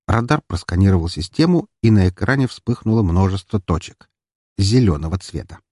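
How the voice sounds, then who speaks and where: A man reading a sci-fi audiobook as a first-person narration, in a steady, measured way. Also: low voice, dry recording, studio quality.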